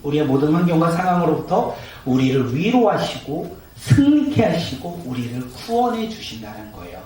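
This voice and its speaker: A man's voice: fairly high pitch, big pitch swings, moderate pace. A man preaching as pastor, asking the congregation rhetorical questions and leading them in reading aloud. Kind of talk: sermon. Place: church sanctuary. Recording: roomy echoey sanctuary, mic at a distance, faint noise.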